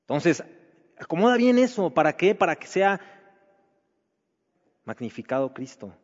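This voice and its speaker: A man's voice: a little high, sing-song, unhurried. Preacher man, reverberant hall. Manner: conversational preaching with rhetorical questions. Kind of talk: sermon to married men. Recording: dull reverberant hall recording.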